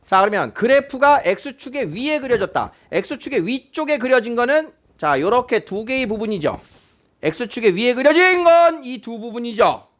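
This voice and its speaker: Brief: male math teacher, high animated voice, keeps quizzing the class and repeating points. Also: measured pace. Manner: questioning, repeats key points to check understanding.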